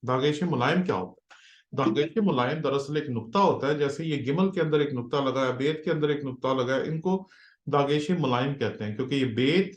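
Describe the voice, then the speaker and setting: A man's voice: mid-range voice, brisk, reverberant. A man teaching the Hebrew letters and vowels as a pastor, spelling them out one by one and often checking that the listener follows. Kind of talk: slow drilled Hebrew lesson in Urdu-Hindi.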